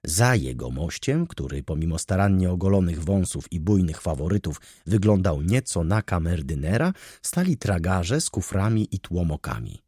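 A man reading a classic novel aloud as narrator, in measured, expressive scripted narration. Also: low-pitched, slightly rough, no room sound, studio quality. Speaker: audiobook narrator.

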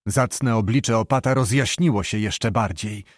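A man narrating a historical novel in an expressive, dramatic audiobook reading. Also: lowish voice, measured pace, no echo, studio quality.

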